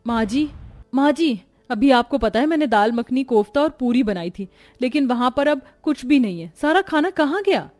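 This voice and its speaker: A woman's voice: expressive, moderate pace, darkish tone. A woman voicing a fed-up young housewife in a cartoon, grumbling and exasperated. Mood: annoyed. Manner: grumbling and exasperated, pitched lower. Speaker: daughter-in-law character. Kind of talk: cartoon voice acting.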